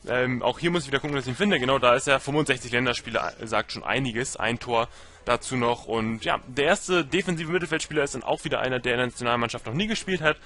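A man's voice: mid-range voice, fast, pushed and bright. A young man giving casual, rambling commentary over a football video game, full of fillers and self-corrections. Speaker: gaming commentator.

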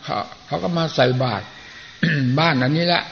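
An older man speaks as a Buddhist monk giving a sermon, his voice gravelly and pitched slightly high. His talk is plain and folksy, and he clears his throat often. The recording is a muffled old tape with a faint hiss behind it. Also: normal speed, a bit bright.

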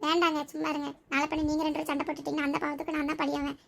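A woman playing a sad, patient young wife, speaking softly and resignedly with a Tirunelveli Tamil accent. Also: high voice, steady tone, racing, gravelly, a little hiss or hum. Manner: soft, resigned.

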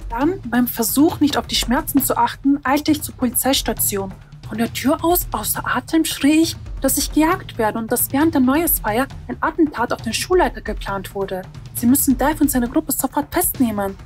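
A woman's voice: sits high, animated, moderate pace, faint music behind. A woman narrating a tense first-person story in a dramatic storytelling manner.

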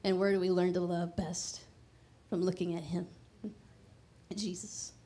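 Her voice sits on the low side, level in tone and measured in pace, as this woman preaches from a church stage into a handheld mic. The sermon is emphatic and conversational, shifting at points into a hushed prayer.

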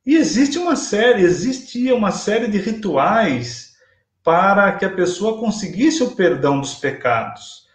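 Slow, measured Brazilian man lecturing. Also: sits high, sing-song. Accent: Brazilian Portuguese. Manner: measured, emphatic retelling of a gospel story. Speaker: spiritist lecturer. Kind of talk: live-streamed religious lecture, storytelling. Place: small room at home, indoors. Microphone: webcam at desk distance, video call. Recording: echoey room via webcam.

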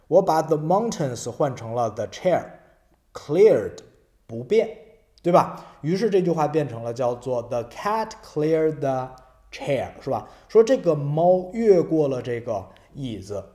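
A man's voice: a little high, dark tone. A man teaching an English vocabulary lesson in Mandarin. He explains step by step, reads English example sentences aloud, and keeps checking with tag questions.

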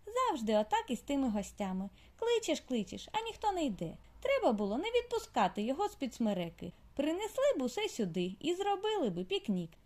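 A tiny, stern little girl mole with a squeaky voice, grumbling and ordering her father about, as a woman storyteller does her. Her high, bouncy voice fits a children's audiobook. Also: huge pitch swings, brisk, hardly any pauses, darkish tone. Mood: friendly. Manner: grumbling, bossy. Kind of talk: audiobook character voice.

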